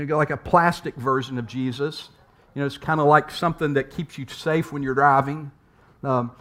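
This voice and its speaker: An American pastor preaches in a conversational, unhurried sermon voice, pitched a little high for a man and fairly bright in tone. He builds his point with rhetorical questions and restarts words along the way.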